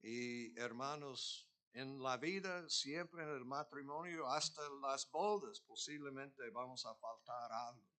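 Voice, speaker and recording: A man's voice: mid-range voice, takes it slowly, few pauses, pushed and bright. A man preaching a sermon as pastor, earnest, building to emphatic peaks. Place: church.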